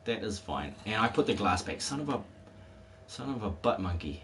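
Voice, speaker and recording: A man in his forties chats casually while streaming a game, rambling and laughing easily, his voice still a bit worn from a cold. It's lowish and fairly bright, sing-song, at a moderate pace, with slight background noise.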